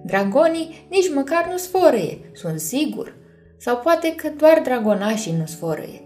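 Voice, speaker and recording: A tiny male dragon from a storybook, excitable and dramatic, gushing in a voice pitched well up and pushed loud, as a woman acts him out. Faint music plays underneath. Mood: proud. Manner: gushing, theatrical.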